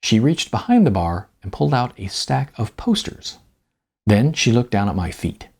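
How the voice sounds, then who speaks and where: In a gravelly, husky voice, a man reads his first-person story as prepared narration, stressing his phrasing carefully. He speaks at medium pitch with a sing-song lilt and a slightly mellow quality.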